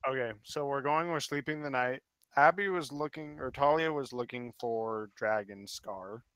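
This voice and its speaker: Male player, playful, bright higher voice, dry close sound. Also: moderate pace, clear, resonant tone, no echo. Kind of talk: casual tabletop game chat.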